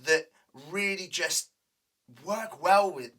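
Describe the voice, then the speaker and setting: Guy co-hosting a studio chat, rambly with lots of you knows, bright tone, mic a bit far off. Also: high-pitched, takes it slowly. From England. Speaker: co-host. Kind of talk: casual chat show banter.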